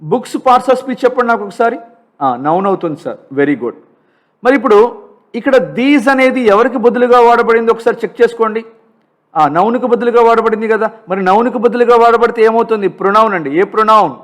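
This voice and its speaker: High-voiced Telugu-accented male teacher. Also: fairly bright tone. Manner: asks and answers his own questions, slow drilled examples. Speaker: English teacher. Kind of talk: exam-prep grammar lesson.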